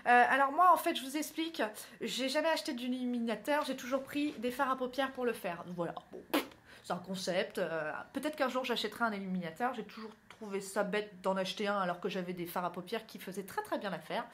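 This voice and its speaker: A woman's voice: on the high side, a little fast, fairly bright tone, slight background noise. A young woman from northern France, chatty and self-mocking, talking through her makeup routine in a casual tutorial. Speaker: beauty vlogger. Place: indoors at home, by a window.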